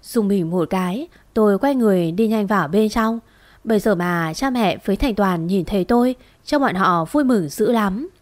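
A woman tells a first-person ghost story in a lively, conversational way. Her voice sits at an ordinary middle pitch for a woman. The recording is dry and close, with no room sound. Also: normal speed, no echo.

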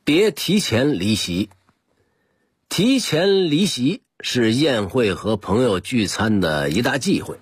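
A man's voice: medium pitch, sing-song, slow, breathy edge. A man presenting a scripted radio talk on old customs, in a chatty storytelling manner that speaks straight to the listener.

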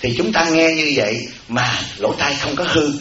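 Folksy monk preaching in an echoey hall. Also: male voice, a little high, moderate pace, a crowd in the background. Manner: folksy, acts out everyday voices, asks "right?" often. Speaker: abbot, Buddhist monk. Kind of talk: dharma talk. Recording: echoey lo-fi hall recording with audience.

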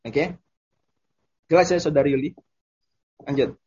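A man teaching Arabic grammar in a casual online lesson, explaining terms and repeating Arabic examples slowly. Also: a little high, mellow, breathy edge, lo-fi sound.

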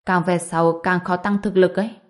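A woman's voice: lowish voice, flat delivery, moderate pace, lightly acted. Cool unbothered hero, read by a woman. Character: calm powerful young man, hero. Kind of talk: audiobook narration.

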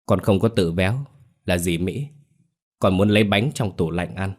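Brief: spoiled sly little boy, tearful whine, audio story, voiced by a man in a low voice. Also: moderate pace, darkish tone. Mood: whining. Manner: tearful, whining.

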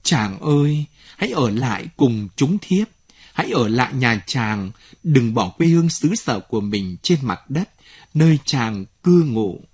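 A man's voice: medium pitch, very animated, measured pace, slightly rough. A man voicing a grieving queen who wails her lament, in a storybook reading. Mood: wailing grief. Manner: wailing lament.

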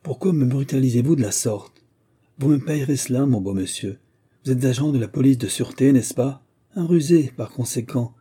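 A man's voice: medium pitch, normal speed, mellow, husky, voice pushed up, close to an everyday voice. A man reading aloud, voicing an insolent, mocking escaped male convict in a storybook reading, raised and taunting. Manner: taunting, sneering.

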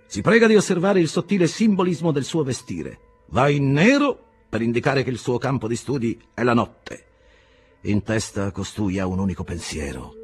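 A man's voice: lowish voice, husky, heavily acted. A man reading as a theatrical mocking humanist. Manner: declamatory, mocking. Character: eloquent sarcastic Italian humanist man, theatrical.

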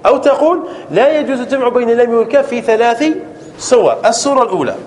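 A man's voice: extremely high pitch, animated, racing, a little mellow, a little hiss or hum. A man teaching a grammar lesson to a class, explaining step by step and often checking whether the students understand.

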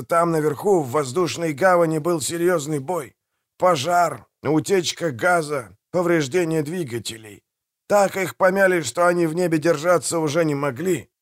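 A man's voice: on the high side, lively intonation, normal speed, pitched above the performer's own voice, natural voice. A man voicing a greedy, gloating male pirate mayor who barks orders, in a storybook reading. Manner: loud, barking orders.

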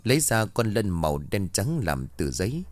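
A man's voice: on the low side, very animated, normal speed, no room sound. A man narrating a ghost story, voicing each character's lines himself.

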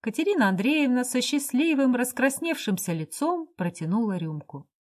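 A woman's voice: on the high side, very animated, normal speed, darkish tone. Woman narrating a story. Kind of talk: audiobook narration.

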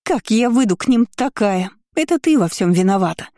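A woman voicing a spiteful young woman who sneers and mocks in a shrill, high voice. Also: moderate pace, warm tone, dry recording, clean studio sound, lightly acted. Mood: shrill angry.

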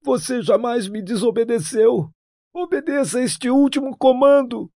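A high wailing dying king. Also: dark tone, no echo, studio quality. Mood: commanding. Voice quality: high strained wail. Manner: desperate, urgent, imperious. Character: dying young king, tormented, pleading and commanding. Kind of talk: audiobook character voice.

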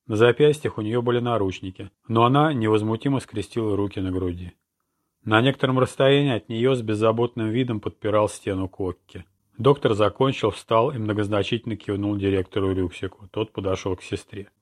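A man narrating a first-person detective story for an audiobook. His reading is steady and measured, with a low voice. He keeps an even pace throughout. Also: dry recording, studio quality.

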